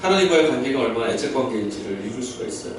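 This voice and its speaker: Talking very fast in an expressive mid-range voice, a male pastor preaches, explaining and asking his mixed-age congregation questions. It was recorded with a distant mic in a very echoey church sanctuary against a noisy background.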